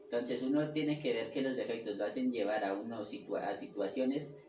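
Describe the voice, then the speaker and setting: A man teaches a spiritual class in a halting, repetitive way, often pausing to check that his listeners follow. He sounds echoey and set back from the mic, with a faint hum of room ambience behind him. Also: medium pitch, darkish tone, distant mic. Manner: halting, with restarts and repeated words. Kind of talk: lecture on the ego and personality.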